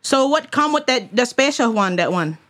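A woman voicing a fussy, rambling prank caller with a put-on accent, asking halting, repetitive questions. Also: on the high side, big pitch swings, fairly bright tone. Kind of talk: prank phone call.

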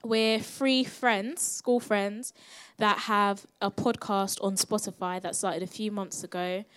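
A woman's voice: medium pitch, steady tone, slow, fairly bright tone, clean tone. A seventeen-year-old woman with a South London accent, presenting a live podcast panel in a casual way. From South London, England. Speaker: podcast host moderating a panel.

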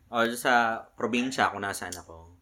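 A man's voice: fairly low pitch, normal speed, pushed and bright. A young man co-hosting a casual drinking-session podcast, telling rambling stories full of restarts and fillers. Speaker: podcast co-host.

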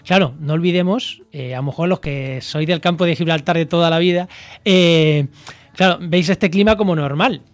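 A man's voice: a little high, moderate pace, no echo. Man from La Mancha explaining ecology. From Castilla-La Mancha, Spain. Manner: thoughtful, hesitant with fillers and restarts. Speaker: ecology expert guest. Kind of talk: radio interview, explaining.

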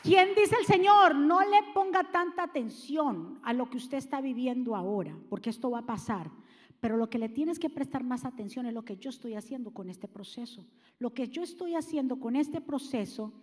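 A high-pitched woman preaches a sermon, dropping to near whispers and then rising to shouted appeals as she urges her congregation on. Her voice rings out with the long reverb of a church hall. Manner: swings from hushed to shouted, repeats phrases, urges the congregation.

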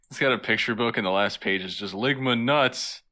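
A man's voice: medium pitch, measured pace, sharp tone. A man co-hosting a podcast, teasing his partner and laughing easily in casual chat. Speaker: podcast co-host.

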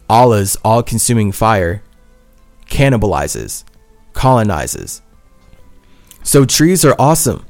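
Speaking on the low side with a darkish tone, a man hosts a podcast monologue on his own. His delivery is earnest and intense, swinging between heated and tender, with repeated phrases throughout.

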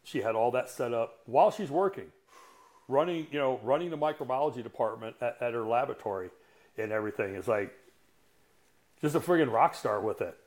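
A man in his sixties, a coach guesting on a podcast, tells a story in a casual, blunt way, swearing often and pausing on fillers. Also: medium pitch, darkish tone. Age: 60s. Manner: blunt and profane, halting with fillers.

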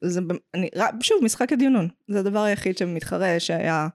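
A woman's voice: fairly low pitch, lively intonation, darkish tone, no echo, clean studio sound. A woman with an Israeli accent co-hosting a casual pop-culture podcast, opinionated and jokey, dropping in English phrases. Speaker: podcast co-host.

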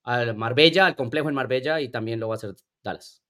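A man's voice: medium pitch, fast, a bit bright. A man co-hosting a casual sports talk, chiming in with short agreements and corrections. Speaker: co-host.

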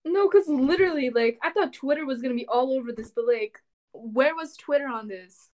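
Teen female co-host, slightly high pitch, incredulous, chatty. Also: fairly quick, a little mellow. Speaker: podcast co-host. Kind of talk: casual chat.

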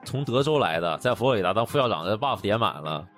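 Low-voiced man telling a story. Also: fast talker, soft background music. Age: late 20s. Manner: storytelling, animated when recounting, trails off softly. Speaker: podcast co-host. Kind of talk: casual chat.

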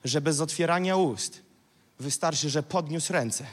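A man's voice: on the high side, a little slow. A man preaching a sermon as pastor, dramatic and vivid, now and then acting out mocking voices. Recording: church hall reverb.

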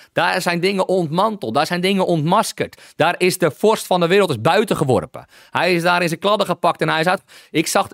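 A man's voice: a little high, dry recording, studio quality. Exuberant preacher man. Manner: exuberant, exclaims halleluja, breaks into English phrases. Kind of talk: teaching sermon.

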